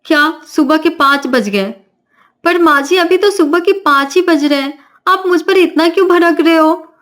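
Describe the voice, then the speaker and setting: A woman's voice: extremely high pitch, moderate pace, fairly bright tone, voice pushed up. A woman voicing a lazy, cheeky young daughter-in-law who talks back in a sulky way in a cartoon story. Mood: defiant. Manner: sulky, backtalking.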